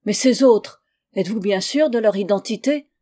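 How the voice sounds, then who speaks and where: A woman's voice: mid-range voice, normal speed, dark tone, lightly acted. A woman voicing a nervous, corpulent older man who speaks in a trembling, agitated way. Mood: frightened.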